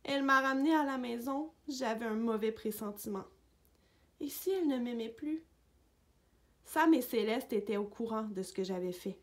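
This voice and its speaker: A woman reading a picture book aloud for young children, narrating gently in a dog's voice of first person. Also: on the high side, normal speed. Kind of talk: read-aloud storybook narration.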